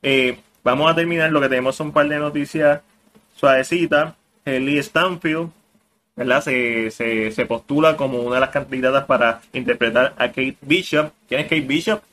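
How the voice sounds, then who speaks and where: A man's voice: mid-range voice, normal speed, a bit bright. A man co-hosting a casual podcast chat, opinionated and mixing English words into his talk. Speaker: podcast co-host.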